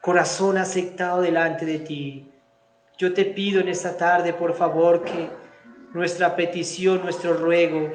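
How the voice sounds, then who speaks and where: A man with a high voice preaches at a slow, deliberate pace. He swings between emphatic bursts and quiet, fervent prayer. His voice rings out in an echoey church room. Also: a little hiss or hum. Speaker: pastor. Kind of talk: sermon and spoken prayer.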